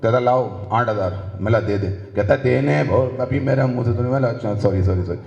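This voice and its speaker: A man's voice: medium pitch, vocal fry, a little mellow, dull audio. Brief: male stand-up comic, Pakistani Urdu accent, crude storytelling, roomy hall reverb. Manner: crude, acts out dialogue in quick voices. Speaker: stand-up comedian. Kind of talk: stand-up comedy set. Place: live comedy venue.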